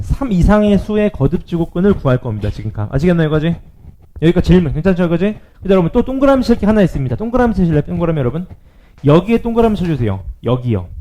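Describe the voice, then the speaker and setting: A male math teacher giving a lively classroom lecture, often checking in with his students. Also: on the high side.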